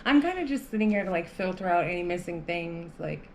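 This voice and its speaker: A woman's voice: on the low side, animated, brisk, a little hiss or hum. A woman sitting in on a home live stream, making teasing, playful asides to the host. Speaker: host's partner sitting in on the stream. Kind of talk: casual live stream chat.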